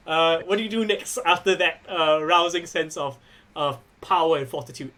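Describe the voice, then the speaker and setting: A man runs a tabletop wrestling game as its game master, animated and quick to laugh. His voice sits high for a man. It has a bright, sharp edge.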